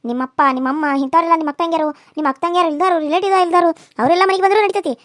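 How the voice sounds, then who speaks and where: A woman's voice: very high-pitched, no echo, studio quality. A woman voicing a defiant young village wife arguing with her husband and mother-in-law in a cartoon serial. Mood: protesting. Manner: argumentative, pleading, quick protesting.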